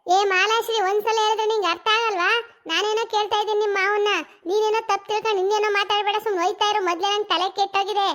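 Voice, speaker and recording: A woman voicing a shrill, nagging village wife. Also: steady tone, very fast, a bit bright. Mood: scolding. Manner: nagging, insistent. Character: nosy, persistent older village wife. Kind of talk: cartoon comedy voice acting.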